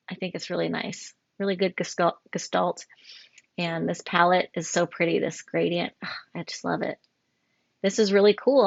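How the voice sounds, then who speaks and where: A woman's voice: mid-range voice, creaky, no echo. A woman teaching graphic design, talking through student work in a recorded critique with effusive praise, frequent fillers and self-corrections. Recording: dull lo-fi screen recording.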